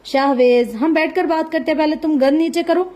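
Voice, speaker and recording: A woman's voice: sits high, fairly even intonation, mellow, natural voice. A woman voicing a stern but caring middle-aged aunt who scolds and fusses. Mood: alarmed. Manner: scolding, bossy.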